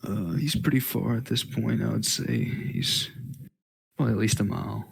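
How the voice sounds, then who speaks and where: A man's voice: lowish voice, very animated, moderate pace, vocal fry, slightly rough. A man narrating a tabletop role-playing game casually, improvising scenes as game master.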